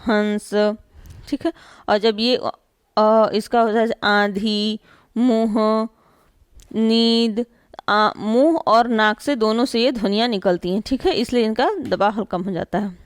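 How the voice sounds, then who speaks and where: A woman's voice: a little high, clear, resonant tone, dry recording, studio quality. A woman teaching a grammar lesson, explaining step by step, checking in often with "ठीक है" and drawing out sounds to demonstrate pronunciation. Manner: explains slowly with many fillers and repeated "ठीक है" checks. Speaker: Hindi teacher.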